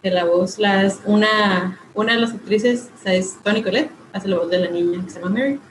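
A woman's voice: mid-range voice, moderate pace. A woman co-hosting a casual podcast, earnestly recommending a film. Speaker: podcast co-host. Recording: echoey room with faint noise.

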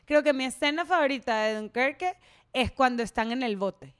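A woman's voice: high voice, animated, moderate pace, clear, resonant tone. A young woman co-hosting a podcast, chatting casually with lots of filler words. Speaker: podcast co-host. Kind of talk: casual chat.

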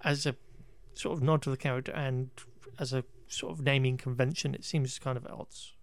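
A man's voice: medium pitch, little pitch movement, brisk. A man hosting a podcast, recapping a film in a casual, rambling way, wry and exasperated, with restarts and the odd swear word. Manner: occasional swearing. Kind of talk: casual chat.

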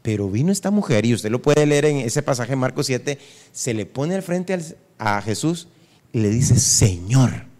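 A man's voice: mid-range voice, animated, normal speed, darkish tone. Male pastor, emphatic sermon, reverberant hall. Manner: emphatic preaching, repeats phrases, asks the audience.

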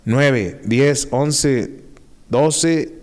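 A young man with a Monterrey-style northern Mexican accent speaks in a mid-range voice at an extremely slow pace. On a podcast, he casually tells childhood stories packed with slang, animatedly acting out the quotes.

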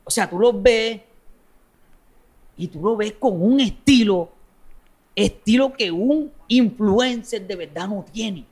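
A man's voice: high voice, slow, long pauses, a little mellow. A man with a coastal Colombian accent chatting casually in an interview, blunt, slangy and foul-mouthed. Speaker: social media content creator being interviewed.

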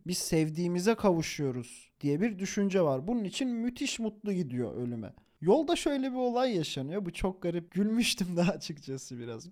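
Young male storyteller, high voice for a man, animated and casual, slangy, restarts phrases. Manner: animated, chuckles while telling; informal slang, self-corrections.

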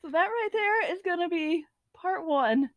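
Very high-voiced woman laughing through stories. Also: lively intonation, measured pace, no echo. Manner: laughing through her story, tearful with laughter. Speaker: podcast co-host. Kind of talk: casual chat, comic storytelling.

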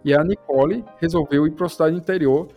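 Animated man retelling a film. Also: on the high side, quick pace, muffled recording, soft background music. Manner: animated storyteller, asks rhetorical questions. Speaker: podcast host. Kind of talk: casual film discussion.

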